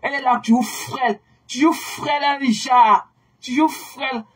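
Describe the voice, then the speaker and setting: A woman's voice: high-pitched, steady tone, measured pace. A woman, ranting scornfully at a rival and repeating her insults. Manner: mocking, scornful, repeats herself; drawls words out to sneer. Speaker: online commentator. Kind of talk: insulting rant addressed to a rival.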